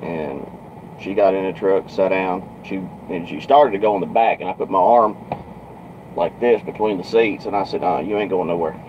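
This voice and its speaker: A man's voice: low voice, normal speed, muffled recording, noisy background. A man, a truck driver, telling a story in a blunt, profane, drawling way from his truck cab. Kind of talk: casual storytelling.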